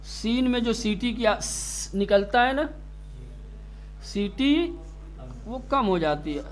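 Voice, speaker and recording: A stern male recitation teacher with a noticeably high, animated voice leads a classroom lesson. He stretches out each letter sound slowly to demonstrate it and scolds inattentive students sharply.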